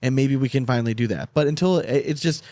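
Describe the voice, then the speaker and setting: Man, podcast host, casual chat, medium pitch, dry close sound. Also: quick pace, a little mellow, no room sound. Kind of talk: casual conversational podcast talk.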